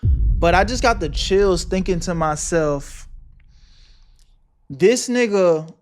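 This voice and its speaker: A man's voice: high-pitched, expressive, takes it slowly. A man streaming live, reacting to a video in loose slang through a headset mic, talking straight back at the screen and greeting his chat. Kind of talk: casual live reaction commentary.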